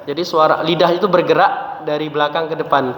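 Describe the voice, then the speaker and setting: A man's voice: on the high side, fairly even intonation, a little fast, a bit bright. A man teaching Quran recitation, patiently drilling letter sounds and often ending phrases with a short tag. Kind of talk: tajwid lesson with letter drills. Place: mosque hall. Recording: echoey hall with faint ambience.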